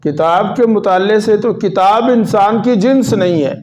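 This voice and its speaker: A man with a fairly high voice preaches a sermon. He leans hard on key words and stretches them out. He keeps asking his listeners questions and pushes them to answer. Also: darkish tone. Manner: emphatic, drawn-out stresses. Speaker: Islamic preacher.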